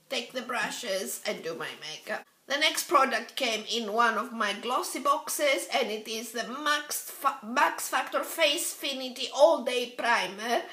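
Slow, hesitant woman vlogger in an echoey room. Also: a little high, pushed and bright, a little hiss or hum. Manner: hesitant, many fillers and restarts. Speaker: beauty vlogger. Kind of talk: casual product review.

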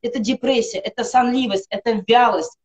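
Speaking at a normal speed in a fairly high voice, a middle-aged woman guests on a live stream via video call from home. She earnestly recounts her experience with a wellness product, piling on emphatic lists.

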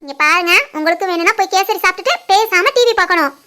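A fond, teasing village wife and mother in a family cartoon. Her voice sits very high and sounds bright and sharp. She has a southern Tamil Nadu accent and scolds in a brisk, homely way. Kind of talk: animated family story voice acting.

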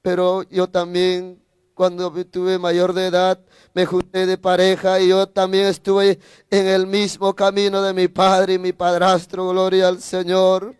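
A man preaching his testimony in a high, smooth voice that keeps close to one level. He repeats his phrases and breaks in with praise, turning often to address his listeners directly. The sound is dry and close. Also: completely flat delivery, unhurried, no room sound. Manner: fervent, repeats phrases, adds praise interjections. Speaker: evangelist preacher. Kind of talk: sermon testimony.

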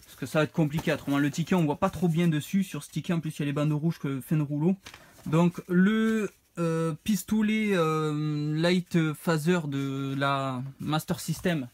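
A man's voice: a little high, moderate pace, darkish tone. A man, casually showing off his retro game purchases, rambling and hesitant as he reads out prices. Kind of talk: casual unboxing vlog.

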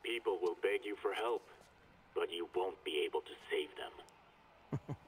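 An actor playing a menacing male villain in a video game, speaking slowly and ominously as he makes threats. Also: deep voice, a little hiss or hum, low-quality recording. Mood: cold menace. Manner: slow, ominous, deliberate. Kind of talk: video game cutscene acting.

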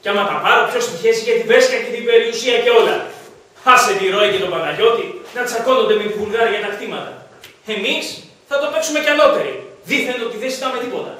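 An actor playing a crude, greedy man in a stage comedy, gruff and blunt. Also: extremely high pitch, lively intonation, sharp tone, exaggerated voice. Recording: echoey stage from far off, faint noise.

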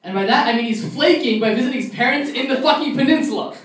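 A man's voice: extremely high pitch, fast, fairly bright tone. A young man doing a stand-up comedy set at a college club show, ranting in mock outrage. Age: young adult. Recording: echoey room, mic far off, faint noise.

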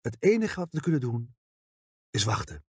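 A man reading an audiobook, voicing a grey older police detective who speaks calmly and politely. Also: mid-range voice, moderate pace, husky, dry recording, studio quality. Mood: kindly. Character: grey veteran police detective, patient and courteous.

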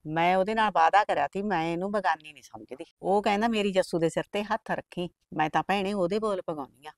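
A woman's voice: on the low side, fast talker, gravelly, no room sound, clean studio sound. A woman with a Malwa Punjabi accent acting as a middle-aged village aunt who is raising her orphaned niece, talking plainly and confidingly. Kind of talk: village short film acting.

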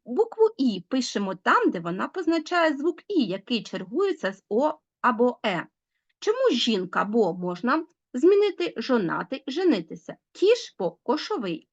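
A woman teacher giving a recorded school lesson, clearly and deliberately dictating example words to pupils. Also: fairly high pitch, big pitch swings, highs cut off.

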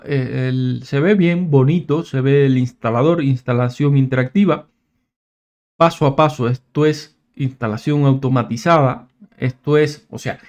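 A man giving a casual, screen-recorded software tutorial, thinking aloud and often restarting his words. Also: a little high, lo-fi sound. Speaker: tech tutorial presenter.

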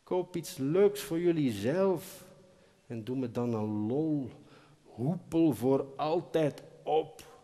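A bitter, fed-up rich man, as a man reads him aloud on stage shouts down curt, dismissive replies. His voice is loud and sharp, and it rings out into the long reverb of a concert hall. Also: fairly high pitch, expressive, slow. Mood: scornful.

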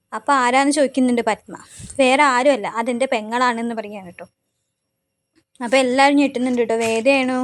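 A woman's voice: on the high side, no echo. A woman casually retelling a TV serial episode, quoting the characters in a chatty way. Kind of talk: casual spoken recap of a TV serial.

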